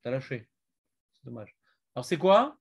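A man's voice: medium pitch, very animated, normal speed, gravelly, breathy edge. A man teaching a Talmud class, questioning and prodding his students.

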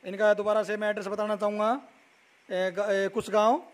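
A young man from Haryana, India, touring a buffalo shed at night and chatting as a dairy vlogger. He repeats numbers and names back and fills pauses with "a". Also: sits high, flat delivery. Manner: repeats figures and names back, many "a" fillers. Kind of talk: casual walk-around video with interview.

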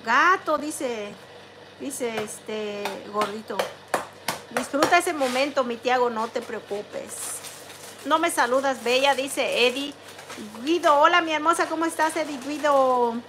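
A young woman chats on her livestream in a high, bright-pitched voice, reading out comments and greeting each viewer. A faint hum sits under her voice. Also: a little slow. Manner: chatty, warm greetings to each viewer, reads chat names aloud. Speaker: livestream host. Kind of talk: casual livestream chat, reading comments aloud.

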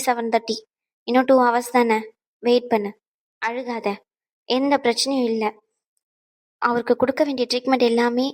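A woman's voice: on the high side, natural voice, rough recording. A woman voicing a firm female doctor in a cartoon dub who lectures on hospital rules. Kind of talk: cartoon dubbing.

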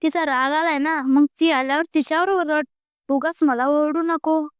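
A woman voicing a relaxed, teasing male friend who soothes and jokes. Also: high-pitched, moderate pace, no room sound, studio quality, lightly acted. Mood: coaxing. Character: easygoing teasing man, jokey friend.

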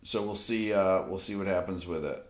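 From a desk in a home music studio lined with amp stacks, a low-voiced host in his fifties chats casually on a late-night YouTube livestream, reading comments off his phone. He speaks at a moderate pace, relaxed and rambling, with plenty of fillers like um. An off-camera mic captures roomy studio sound.

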